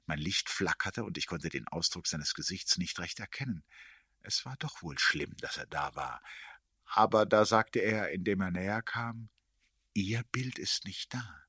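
A man narrating a literary story in a measured, expressive reading, dropping to a hush in tense passages. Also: low voice, slightly rough, no echo, studio quality.

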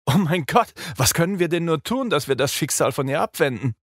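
A man voicing an agitated young man who cries out in high, pleading alarm. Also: animated, a little fast, breathy edge, no echo, studio quality.

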